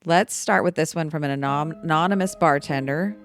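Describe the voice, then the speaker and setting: A middle-aged woman hosts a casual podcast and narrates stories with a playful, jokey touch. Her voice sits low and has a gravelly fry. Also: fairly quick, faint music behind. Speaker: podcast host. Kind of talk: casual storytelling chat.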